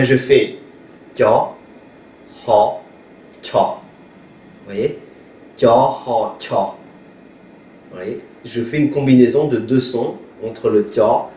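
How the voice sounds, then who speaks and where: Slow, patient man teaching in a roomy echo. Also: medium pitch, a little mellow, recorded from a distance, slight background noise. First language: Hmong. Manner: patient, repeats sounds aloud, hesitant fillers. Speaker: pastor teaching Hmong reading. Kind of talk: slow spoken language lesson. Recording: roomy echo, voice from afar, faint ambience.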